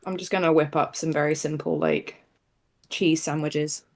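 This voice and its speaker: Lower-voiced woman tabletop player. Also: steady tone, moderate pace. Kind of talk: casual game chat.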